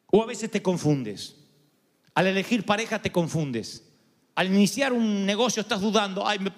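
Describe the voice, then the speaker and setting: Argentine male pastor, high voice, lively sermon delivery with playful imitations, big echoing hall. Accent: Argentine Spanish. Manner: animated, imitates voices and goose honks for humor. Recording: long hall reverb.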